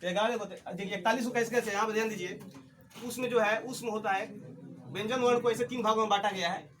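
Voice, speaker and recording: A man's voice: sits high, fairly even intonation, quick pace, crowd noise. A man teaching a classroom lesson, drilling the students with call-and-response questions.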